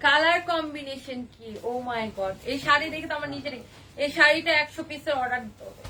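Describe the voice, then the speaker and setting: A young woman hosting a live shopping stream, excitedly gushing over sari colors and reading out buyers' comments. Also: sits high, fairly quick, distant mic, a little hiss or hum. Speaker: live sale host.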